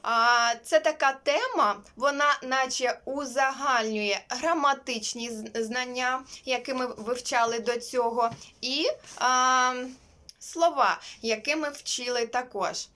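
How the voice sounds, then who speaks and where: A young woman leads a lesson for young pupils, with a slightly high voice and an unhurried pace. She models each sound with care, asks the class to repeat it, and praises them warmly between words. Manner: slow, clear modelling of sounds with repeat prompts; warm praise and diminutives for children. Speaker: English teacher for young children. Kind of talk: online primary-school lesson.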